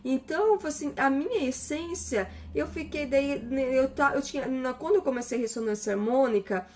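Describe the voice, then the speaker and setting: A woman's voice: high voice, moderate pace, a little hiss or hum. A Brazilian woman giving a casual spiritual monologue, chatty, with many restarts, retelling conversations. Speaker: spiritual talk host.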